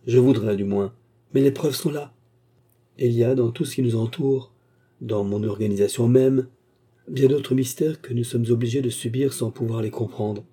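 Tormented old-style nobleman, dark husky voice, solemn and dramatic, read by a man. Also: medium pitch, moderate pace, close to an everyday voice. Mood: grave.

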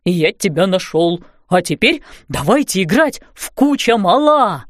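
A woman voicing a playful talking dustpan in a children's storybook, with a dusty, drawn-out voice. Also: mid-range voice, sing-song, dry recording, studio quality, pitched below the performer's own voice. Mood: gleeful. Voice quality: dusty, slow.

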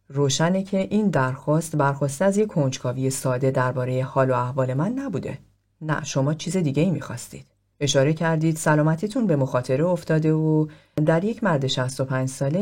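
A man reading the part of a sixty-five-year-old psychotherapist who speaks in a probing, gently direct way. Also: fairly high pitch. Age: 60s.

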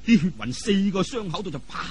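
Expressive and a little fast, this man's high, slightly rough voice carries a martial arts tale told in Cantonese with a Hong Kong or Guangdong accent. The telling is theatrical and colloquial in the traditional way, peppered with vivid exclamations and spoken sound effects.

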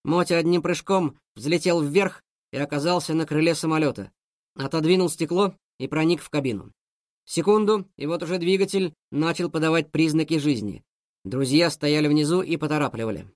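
A man's voice: fairly high pitch, brisk, dry recording, clean studio sound. Man narrating a children's story. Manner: lively, expressive storytelling.

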